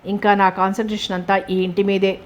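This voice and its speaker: Woman narrator doing a caring young wife, gentle and even. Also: mid-range voice, brisk, muffled recording, close to an everyday voice. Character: Madhavi, warm caring young married woman.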